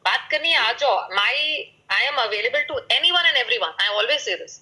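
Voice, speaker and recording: Bright-voiced woman giving a motivational talk. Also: a little high, expressive, takes it slowly, rough recording. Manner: mixes Hindi and English, asks the audience questions; uses sound words and vivid examples. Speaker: speaker at a business meeting.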